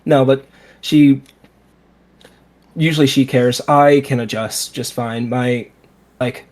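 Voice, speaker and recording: Man, late 20s, relaxed, matter-of-fact, casual chat. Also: mid-range voice, takes it slowly. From Utah, USA.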